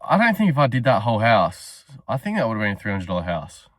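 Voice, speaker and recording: A man's voice: lowish voice, wildly swooping pitch, quick pace, no room sound. A man talking in a casual, sweary vlog style, rambling as he thinks aloud. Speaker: self-employed window cleaner vlogging his day.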